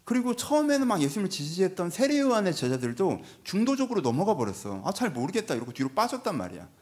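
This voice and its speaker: Lively, animated male preacher. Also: sits high, quick pace. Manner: animated, conversational preaching with playful voiced asides. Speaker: pastor. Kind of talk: sermon. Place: church sanctuary.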